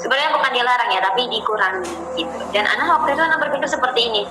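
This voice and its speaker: A woman teaching an informal Islamic study session in a gentle way, often repeating phrases and speaking directly to her listeners as friends. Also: fairly high pitch, lively intonation, very fast. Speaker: ustadzah leading a religious study session. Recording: roomy sound with music playing behind.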